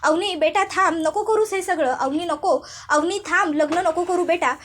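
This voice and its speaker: A woman reading the lines of a middle-aged father, shouting and insistent as he pleads for his daughter. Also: extremely high pitch, normal speed, slight background noise. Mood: pleading shout.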